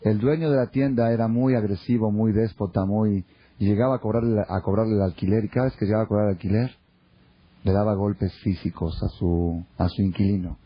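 Husky man telling a Torah parable. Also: lowish voice, fairly quick, no room sound. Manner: animated storyteller acting out characters' lines. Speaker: rabbi giving a Torah class. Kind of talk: sermon with storytelling. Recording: muffled lo-fi recording.

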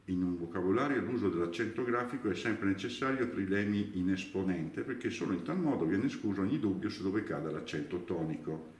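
A man giving a slow dialect lesson, reading out example words one by one. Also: deep voice. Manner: deliberate, spells out examples word by word. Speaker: dialect teacher. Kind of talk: slow spoken lesson, reading out word lists. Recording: echoey room, voice from a distance.

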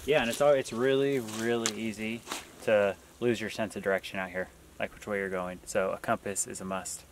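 A man in his thirties chatting casually on a hike in the woods, relaxed and loose with many fillers. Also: on the low side, brisk. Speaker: vlogger. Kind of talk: casual outdoor vlog chat. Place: outdoors in the woods by a lake. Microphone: camera mic, some distance away. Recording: distant outdoor mic with noticeable noise.

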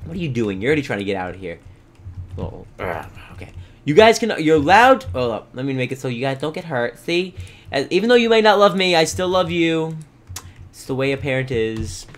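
A man hosting a casual gameplay video, who mock-scolds his animals in loud bursts and then mutters to himself as he builds. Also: mid-range voice, lively intonation, brisk. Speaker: let's play host.

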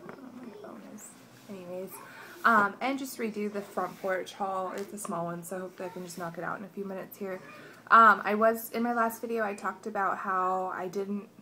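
A woman's voice: medium pitch, bright, forceful tone, a little hiss or hum. A young woman chatting casually through a haul video at home, rambling with many restarts and sounding stuffed up. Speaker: vlogger. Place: home, morning.

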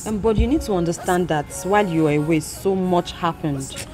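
An actress with a Nigerian accent playing a calm friend who reassures a distressed man. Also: lowish voice, fairly quick, over music, close to an everyday voice. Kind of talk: film drama acting.

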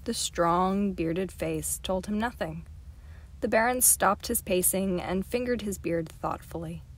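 A woman reading a novel aloud as an amateur audiobook narrator, in a steady, clear storytelling manner. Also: medium pitch, unhurried. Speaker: audiobook reader.

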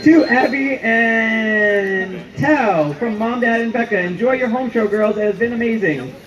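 A man announcing at a stadium, reading shout-out messages over the PA with playful, jokey asides. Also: extremely high pitch, a little slow. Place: outdoor stadium at a band show. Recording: echoey lo-fi stadium PA with faint music.

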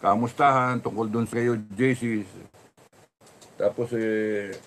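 A man telling a long personal story in a casual, rambling, halting way, full of restarts. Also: mid-range voice, steady tone, a little hiss or hum.

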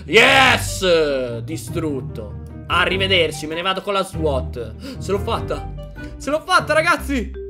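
A man giving excited gameplay commentary as a video host, energetic and playful, often shouting and yelping. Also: sits high, takes it slowly. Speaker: gaming YouTuber. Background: background music.

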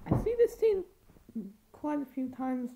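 High creaky woman with hiccups. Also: expressive, unhurried, noisy background. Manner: exclaims and laughs while reacting to clips. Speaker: video reactor. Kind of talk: casual reaction video.

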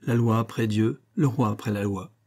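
A man's voice: lowish voice, moderate pace, darkish tone. A man reading an earnest, upright mountain man. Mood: resolute. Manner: earnest, steadfast replies. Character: honest, unflinching mountain man, upright commoner. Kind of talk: audiobook character reading.

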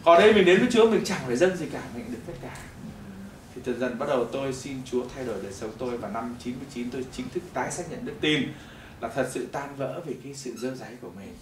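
A middle-aged man giving a testimony sermon in a church hall, telling his story in an animated way that swings between loud bursts and hushed moments. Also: medium pitch, quick pace, a little hiss or hum. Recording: echoey hall, mic at a distance.

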